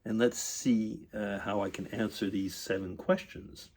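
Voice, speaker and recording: An older retired man chatting casually in a vlog, answering tag questions at his computer indoors, halting with frequent ums and throat-clearing. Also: on the low side, steady tone, a little mellow. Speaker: vlogger.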